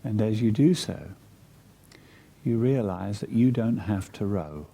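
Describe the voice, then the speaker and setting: In this guided meditation, a man with a lowish voice speaks softly and breathily, calm and measured, pausing at length between phrases. Despite the soothing delivery, he comes across as animated.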